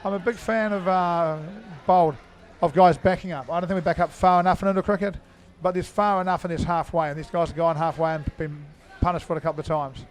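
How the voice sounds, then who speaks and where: A man giving live commentary on an indoor cricket match, chatty and full of fillers, now and then breaking into loud greetings to viewers. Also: sits high, steady tone, fast talker, few pauses.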